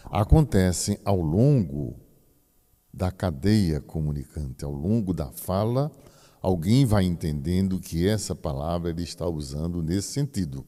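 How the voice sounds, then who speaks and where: A man's voice: low voice, dark tone. A priest giving a teaching talk to a group, explaining with folksy asides to his listeners. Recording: long hall reverb.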